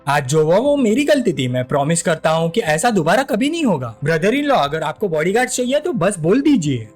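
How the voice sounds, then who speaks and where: Hot-headed young guy, eager, impulsive, high voice, played by a male narrator. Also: very animated, fairly quick.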